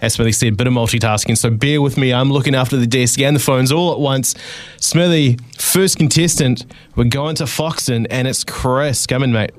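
A man's voice: mid-range voice, normal speed, no echo. A man with a New Zealand accent presents casually on live sports radio, as a sports desk voice and quizmaster.

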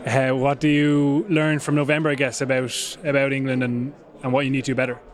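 A man's voice: medium pitch, little pitch movement, brisk. A man asking questions as a sports interviewer in a casual, conversational style.

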